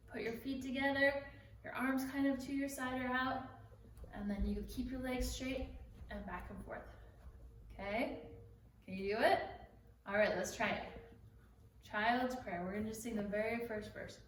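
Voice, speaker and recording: A woman teaching children songs, speaking gently and encouragingly and singing along. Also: fairly high pitch, steady tone, moderate pace, long pauses, a little hiss or hum. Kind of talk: children's music lesson. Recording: echoey room from far off, music behind.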